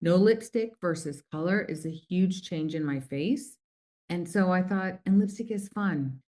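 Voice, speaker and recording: Low-voiced middle-aged woman chatting. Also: measured pace. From United States. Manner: chatty, warm storytelling with many fillers. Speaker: guest, lip color company founder. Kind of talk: casual interview conversation.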